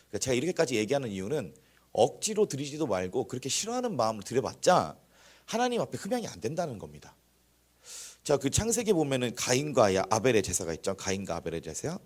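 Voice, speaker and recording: A pastor with a mid-range, slightly rough voice preaches a sermon in church. He's animated and conversational with the congregation, acting out small examples as he goes.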